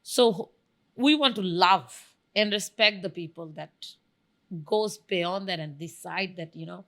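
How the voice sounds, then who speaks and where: Her voice sits on the low side, a little slow and a bit bright, as this guest from Bangladesh answers interview questions. The venture studio founder is emphatic and enthusiastic and lists examples.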